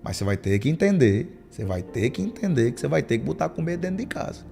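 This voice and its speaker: A man's voice: a little high, sing-song, fast talker, vocal fry, warm tone, faint music behind. A man preaching a sermon as a pastor, telling stories and acting out the lines of church members. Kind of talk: sermon with storytelling.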